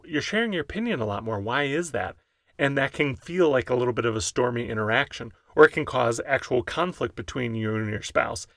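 A man's voice: mid-range voice, creaky, a bit bright, no room sound, studio quality. A man with an American accent giving conversational, explanatory advice as a podcast co-host. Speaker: podcast co-host, mental health provider.

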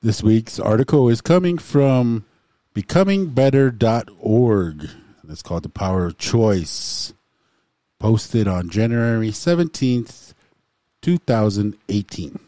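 A man's voice: on the low side, expressive, takes it slowly, warm tone, dry recording. A man hosting a podcast, joking and laughing with his co-hosts and reading an article aloud. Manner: laughs often, jokes with co-hosts. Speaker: podcast host.

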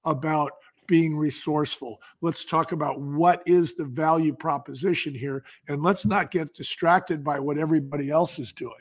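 A man's voice: a little high, fairly even intonation, moderate pace. A man, a company founder and guest, telling business stories in an interview with an emphatic, folksy delivery that repeats phrases for effect. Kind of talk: animated storytelling in an interview.

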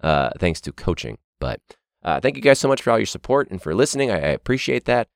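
Teacher guy hosting his podcast, low voice, voice kinda sore, sarcastic swearing rant. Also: very animated, fast talker, vocal fry, clear, resonant tone, no echo, studio quality. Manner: ranting, sarcastic, swears and laughs often. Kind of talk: casual monologue.

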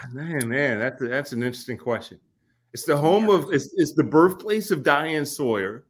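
Man, 40s, from Kentucky, podcast guest, unhurried storytelling, halting restarts, mid pitch. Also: animated. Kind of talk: casual podcast interview.

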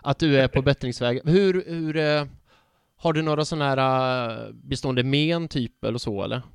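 Playful Swedish-speaking podcast host, smooth voice. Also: male voice, mid-range voice, no echo, studio quality. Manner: playful, excitable, jokes about himself. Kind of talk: casual chat.

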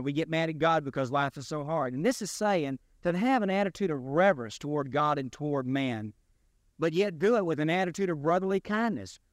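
A man preaching a sermon as pastor, in a deliberate, emphatic delivery with rising and falling stresses. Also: fairly high pitch, no room sound, studio quality.

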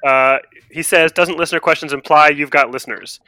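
Bright-voiced joking man hosting a podcast. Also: fairly high pitch, steady tone, brisk, no echo. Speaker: podcast host. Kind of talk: casual banter, reading listener questions.

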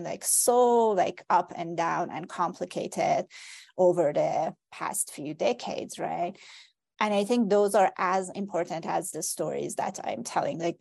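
A woman who speaks Persian as her first language discusses her work as a guest author in an academic conversation. Her low, darkish voice has a gravelly fry, and she sounds reflective as she reasons aloud, filling pauses with "like" and often checking in with "right?"

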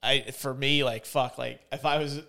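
A man's voice: mid-range voice, little pitch movement, moderate pace, creaky, pushed and bright. A man hosting a podcast, chatting casually in a loose, profane way and often dropping into mock voices. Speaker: podcast host. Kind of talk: casual chat.

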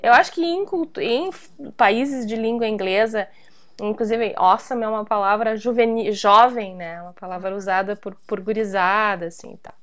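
A woman's voice: medium pitch, moderate pace, a bit bright. Woman host, chatty, explains at length. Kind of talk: casual interview.

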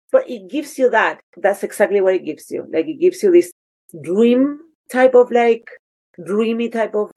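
In casual conversation as a podcast guest, a woman from Chile speaks with a Chilean Spanish accent in a medium-pitched, slightly mellow voice. She's animated and frequently starts sentences over as she hunts for the right word.

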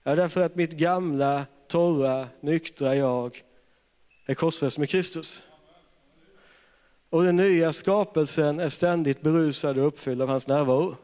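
A man's voice: a little high, a little mellow, clear, resonant tone. A man preaching a charismatic sermon, telling stories with humor and frequent laughter. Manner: humorous storytelling, laughs often. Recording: long reverb of a large hall.

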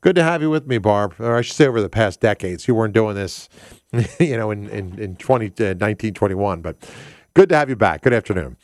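A man hosts a conversational talk radio show, often rephrasing himself and asking rhetorical questions. His voice is on the low side and brisk with few pauses, picked up by a close studio microphone that gives clean sound with no room echo.

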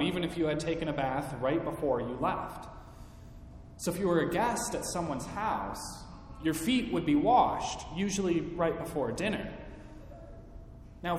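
Slow-preaching man in an echoey hall. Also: on the high side. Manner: slow, emphatic preaching with dramatic voiced quotes. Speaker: pastor. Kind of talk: sermon. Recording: echoey hall with faint background noise.

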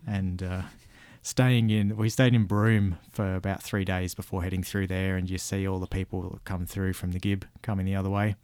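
A man with a deep voice and a broad Australian accent talks in an easygoing, colloquial way. He gives casual travel advice, and the recording is dry with very little room sound. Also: flat delivery, moderate pace, few pauses, a little mellow, clear, resonant tone, no room sound. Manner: laid-back, colloquial. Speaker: guest recounting an outback road trip.

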